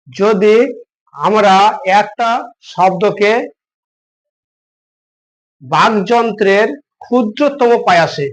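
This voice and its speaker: A man teaching a grammar lesson, patiently spelling words out letter by letter and asking his students questions. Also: high-pitched.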